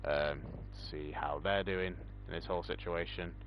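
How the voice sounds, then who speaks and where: A young man with a fairly low voice chats loosely, filling gaps with ums as he goes. The recording sounds dull and lo-fi. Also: fairly even intonation, normal speed. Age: young adult. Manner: rambling, many ums. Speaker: podcast host. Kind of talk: casual chat.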